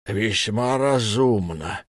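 A man's voice: on the low side, slow, dry recording, studio quality. A man voicing a smug, menacing humanoid alien interrogator who lisps, in an audiobook. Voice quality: lisping. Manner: mocking, condescending questioning. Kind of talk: audiobook character voice.

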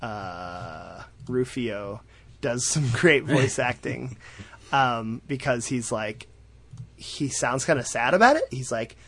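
A man casually recapping a cartoon episode, acting out the characters' lines in quick voices and laughing often. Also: mid-range voice. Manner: animated retelling, acts out quotes in quick voices. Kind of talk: casual chat.

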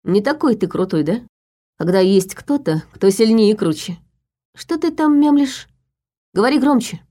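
A woman's voice: medium pitch, animated, moderate pace, warm tone, lightly acted. A woman voicing a possessed young man who taunts his captive in a cold, mocking way, in an audiobook. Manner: taunting, menacing.

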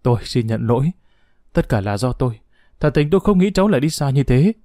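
A man's voice: mid-range voice, lively intonation, fast, warm tone, dry recording, studio quality, close to an everyday voice. A man reading the part of a kind, remorseful village man who apologizes and comforts.

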